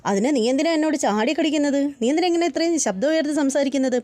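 A woman's voice: high-pitched, fast talker, dry recording, voice pushed up, lightly acted. A mocking young husband, as a woman reads him. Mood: quarrelsome. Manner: mocking, sharp retorts. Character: blunt sarcastic young husband.

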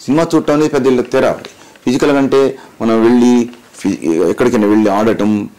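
A man's voice: medium pitch, moderate pace, dark tone. A middle-aged man, a mimicry artist answering in an interview, emphatic and lecturing, asking and answering his own questions. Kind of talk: interview, explaining.

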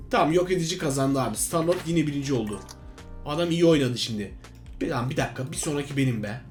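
A young man hosting a gaming channel, giving excitable live commentary on his play and talking to viewers as friends. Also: sits high.

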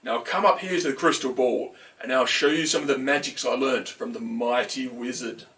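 A stern, wise owl from a children's storybook, as a man puts him on, measured and slow. His voice sits low and unhurried. The recording is a little off-mic. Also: a bit bright, far from the mic, lightly acted. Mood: kindly. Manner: slow, stately and lower-pitched.

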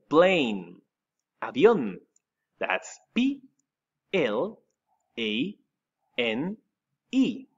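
A man's voice: mid-range voice, breathy edge, highs cut off. A man from Chile with a Chilean Spanish accent, teaching English vocabulary to pupils, spelling each word out letter by letter and repeating it. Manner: spells words letter by letter, repeats them slowly with rising stress. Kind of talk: recorded vocabulary lesson for pupils.

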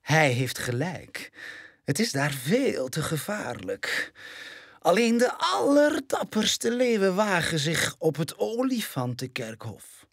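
Man putting on a sneaky lion uncle, silky fake-sweet voice that swoops up and down, slow and breathy, flemish. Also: on the high side, sing-song, no echo, clean studio sound, voice pushed up, full character voice. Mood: sly. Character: sly scheming adult male lion uncle.

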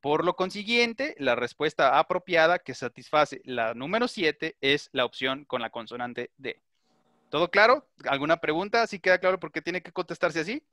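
A man's voice: fairly high pitch, expressive, normal speed, bright, forceful tone, no echo, studio quality. A middle-aged man teaching an online class, explaining step by step and checking that his students follow.

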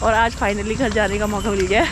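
A woman's voice: medium pitch, fairly even intonation, brisk, over music. A woman in her thirties chatting to viewers on a road trip vlog, filmed on a phone at arm's length by the roadside and in a car. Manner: chatty, addresses viewers directly. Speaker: travel vlogger. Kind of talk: casual travel vlog talk. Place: roadside outdoors and inside a car. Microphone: phone camera at arm's length. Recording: loud road and traffic noise.

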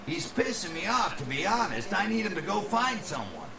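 A man's voice: high voice, sing-song, moderate pace, gravelly, background noise, exaggerated voice. A man voicing a shifty, chatty middle-aged video game character in a casual, folksy way. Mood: grumbling, annoyed. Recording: echoey, distant, music behind.

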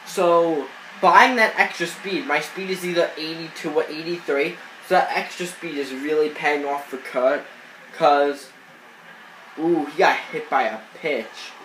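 Bright and forceful, the voice sits a little high and keeps a measured pace as a sniffling gaming channel host talks through baseball gameplay. His casual off-screen commentary rambles with fillers and restarts, and the echoey room carries faint noise.

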